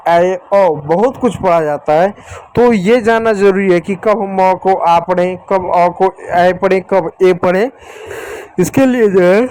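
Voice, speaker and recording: A man's voice: sits high, a little mellow. A man teaching a spelling lesson at a whiteboard, patient and repetitive, talking to viewers as children and friends. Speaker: English teacher.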